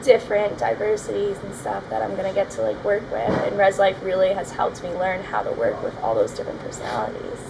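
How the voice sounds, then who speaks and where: A woman's voice: mid-range voice, quick pace, vocal fry, few pauses, noisy background. A young female student from Connecticut, chatty and upbeat on a panel. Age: young adult. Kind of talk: casual panel talk.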